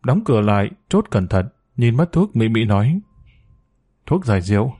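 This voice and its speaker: A man narrating a serialized story in a steady, measured audiobook reading. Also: medium pitch, slightly rough, soft background music.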